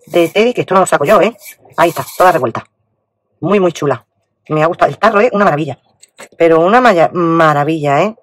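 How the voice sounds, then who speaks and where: A woman with a Spain Spanish accent chatting casually as she unboxes a craft parcel, exclaiming and often dropping to a hushed murmur. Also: sits low, no echo. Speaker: craft vlogger.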